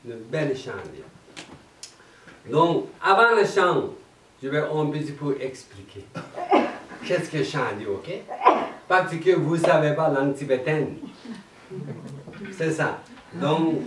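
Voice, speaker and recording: A man with a Tibetan accent introducing a chant evening to an audience in halting, laughing French. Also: fairly high pitch. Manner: broken French, slow, laughing often. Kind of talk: halting explanatory talk to an audience. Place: meditation centre hall, indoors. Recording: roomy distant hall mic with faint noise.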